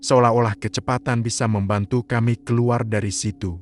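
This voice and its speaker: A man, narrating a scripted horror story in a slow, hushed, suspenseful way. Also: medium pitch, steady tone. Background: faint music.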